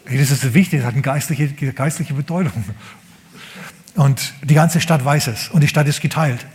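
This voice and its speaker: A male pastor delivers a sermon, telling a story with animated emphasis, repeating words and sometimes dropping to a whisper. His voice is medium-pitched and his pace moderate.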